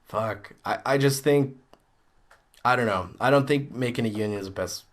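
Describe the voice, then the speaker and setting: Male co-host, blunt and profane, mid-pitched, easygoing chat. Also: moderate pace. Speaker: podcast co-host. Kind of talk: casual chat.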